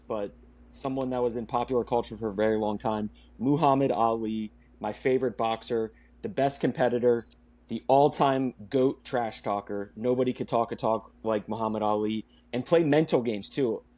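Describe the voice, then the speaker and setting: Easygoing young man, mid-pitched voice. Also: normal speed, darkish tone. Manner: easygoing, laughs often. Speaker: podcast co-host. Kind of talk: casual sports chat.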